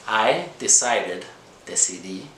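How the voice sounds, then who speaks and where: With lively intonation and an unhurried pace, this Indiana man's lowish, fairly bright voice guides learners through a slow comprehensible-input lesson. As a language teacher and channel host, he repeats simple phrases, keeps asking "okay?" and now and then alternates between English and Spanish. Echo and background noise are noticeable.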